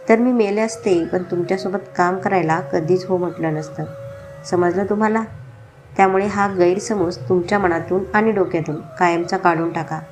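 A woman's voice: fairly low pitch, natural voice. Woman doing a feisty, defiant young woman. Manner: indignant, sharp.

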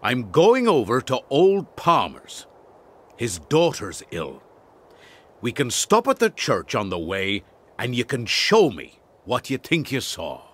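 A man putting on a big jovial doctor, hearty, reassuring, swooping lively pitch, slow storybook pace. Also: breathy edge, exaggerated voice. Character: big jovial Irish country doctor, calm. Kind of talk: storybook reading for learners.

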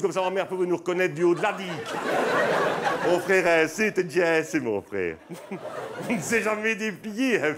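A man's voice: sits high, heavy background noise. A middle-aged man with a Belgian French accent doing a rambling stand-up monologue, chatting with the audience. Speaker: stand-up comedian. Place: theatre stage before a live audience. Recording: live show with loud audience laughter.

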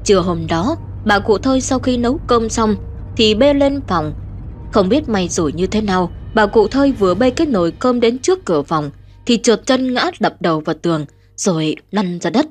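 A woman's voice: medium pitch, lively intonation, moderate pace, a little mellow, soft background music. Woman narrating a ghost story.

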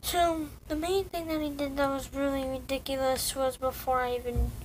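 A young woman ranting casually to her viewers, rambling and halting with many fillers and restarts. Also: sits high, flat delivery, a little hiss or hum, rough recording. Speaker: online community vlogger. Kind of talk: casual rant to camera.

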